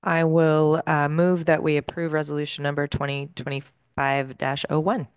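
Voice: medium pitch, little pitch movement, moderate pace, clear, resonant tone, no room sound. A board commissioner speaking formally at a public meeting. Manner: formal, welcoming.

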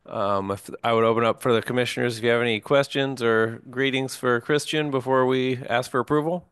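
A fire chief presents at a board meeting in a measured, informative manner. He is a man with a smooth, resonant voice. The recording is dry and close. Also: mid-range voice, fairly even intonation, a bit bright, no echo. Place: public meeting room.

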